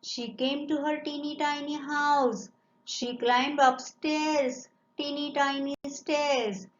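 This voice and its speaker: Woman teacher, high-set voice, slow story explainer, echoey room. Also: fairly even intonation. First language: Marathi. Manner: repeats phrases and explains them. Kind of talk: reading and explaining a story lesson. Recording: echoey room, dull lo-fi sound.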